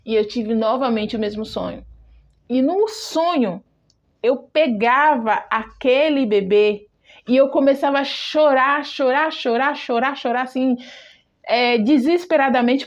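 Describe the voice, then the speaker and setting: A woman with a Brazilian Portuguese accent sharing a heartfelt personal testimony in a devotional, speaking directly to the listener. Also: high-pitched. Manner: heartfelt, talks straight to the listener. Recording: dull lo-fi recording.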